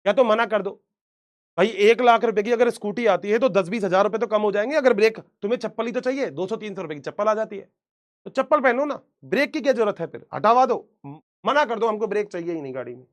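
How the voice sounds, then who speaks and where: High-voiced joking male teacher. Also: expressive, brisk. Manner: chatty, teasing, laughs often. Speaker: online biology teacher. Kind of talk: casual joking live class.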